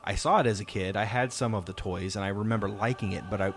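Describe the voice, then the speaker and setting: A father in his thirties hosts a podcast, casually sharing personal stories with his children. His voice is lowish and fairly even in intonation, and he talks fast.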